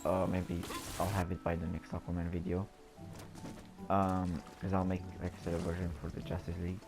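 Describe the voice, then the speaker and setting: A man with a low voice hosts a gameplay video. He talks casually, rambling and pausing as he thinks aloud. Game music is clearly audible behind him. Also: monotone.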